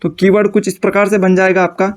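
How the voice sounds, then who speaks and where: A young man, teaching a class, asking questions and answering them himself, slowing down to dictate notes. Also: sits high, little pitch movement. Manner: dictates slowly while writing notes. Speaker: Hindi teacher. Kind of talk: classroom lecture.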